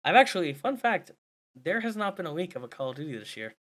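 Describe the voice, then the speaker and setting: Bright-voiced casual podcast host, a man. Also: fairly high pitch, sing-song, fast talker. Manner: chatty, swears casually, laughs often. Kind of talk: casual gaming podcast chat.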